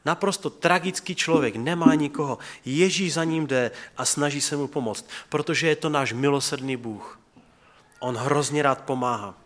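Male pastor in his thirties, slightly high-pitched, earnest conversational sermon delivery that sinks to hushed tones. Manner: earnest and conversational, dropping to soft quiet tones. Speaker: preacher.

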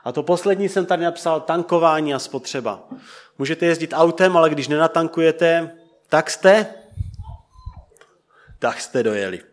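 A man preaching to a congregation in church, asking them questions and letting his voice sink soft and quiet at the ends of thoughts. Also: a little high, animated, pauses often. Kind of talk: interactive sermon.

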